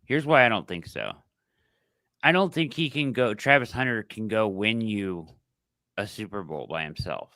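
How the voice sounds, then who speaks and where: A man co-hosting a casual sports debate, speaking haltingly and with effort through a swollen, sore mouth after dental work. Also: on the low side, lively intonation, sharp tone, no room sound, studio quality. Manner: halting, fumbling through words. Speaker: sports talk show co-host.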